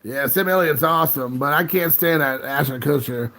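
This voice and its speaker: Speaking in a fairly high, bright and forceful voice at a moderate pace, this man in his late thirties runs a laid-back home live stream from his phone. He rambles and chuckles often while talking with viewers, and there's slight background noise.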